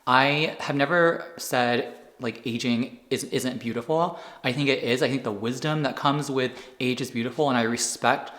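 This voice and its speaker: A man's voice: medium pitch, normal speed, fairly bright tone. A man talking casually to camera as a skincare creator, rambling and correcting himself as he explains, then patiently defending his point. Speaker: skincare YouTuber.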